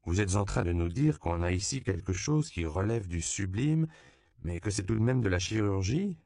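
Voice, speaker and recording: A man's voice: low-pitched, animated, normal speed, vocal fry, a little mellow, no echo, clean studio sound, pitched above the performer's own voice. A man voicing an anxious male priest who protests in an audiobook. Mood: alarmed. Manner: alarmed, protesting.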